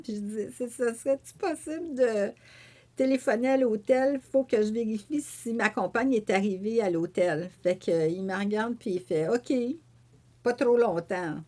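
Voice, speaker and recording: A woman with a Québécois accent, talking at an ordinary middle pitch. She tells her story in lively, casual interview talk and acts out the lines she once said, with a steady run of fillers. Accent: Québécois French. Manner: animated storyteller who voices her own quoted remarks, with frequent fillers. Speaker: painter and author, interview guest. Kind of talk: conversational storytelling.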